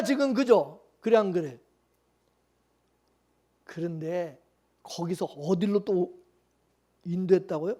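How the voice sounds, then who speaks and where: A man preaching a sermon as the pastor, in a loose conversational way, constantly throwing questions back at the congregation. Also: very high-pitched. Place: church.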